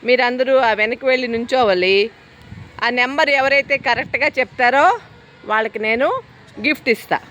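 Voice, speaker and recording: A woman teacher running a number guessing game with her pupils outdoors, giving brisk commands and mixing in English phrases. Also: sits high, pushed and bright, dull audio. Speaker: school teacher.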